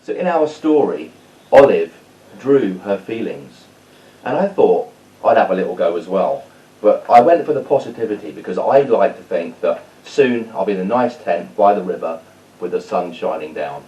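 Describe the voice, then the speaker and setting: A man with a low-pitched, dark voice reads a story to his pupils as their teacher, speaking animatedly at a moderate pace. Between bits of storytelling he chats encouragingly to the children, and the recording sounds dull, with him distant from the mic.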